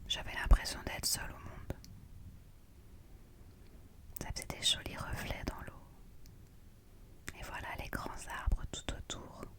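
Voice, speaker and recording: A woman narrates a travel vlog entirely in whispers, quiet and hushed as if at night. She speaks close to the microphone in an ASMR style, recounting things as a vlogger would. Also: a little slow, pauses often. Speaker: vlogger narrating her trip.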